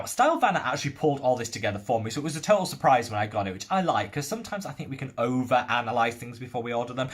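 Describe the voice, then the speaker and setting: Man, young, from the UK, gushing skincare reviewer, animated delivery. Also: medium pitch, slightly rough. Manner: enthusiastic, gushing. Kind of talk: casual product review.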